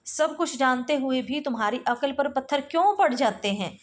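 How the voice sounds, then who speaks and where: A woman's voice: high-pitched, animated, moderate pace. A woman reading a blunt cynical colleague. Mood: mocking. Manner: mocking, blunt lecturing. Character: cynical blunt middle-aged male colleague. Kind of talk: reading a play aloud for exam study.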